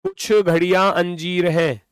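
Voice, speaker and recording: A man teaches an online reasoning class in a high, smooth, resonant voice. He goes over each step again and again and scolds his students now and then. The sound is dry and close. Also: steady tone, unhurried, dry recording. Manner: scolding, repetitive explaining.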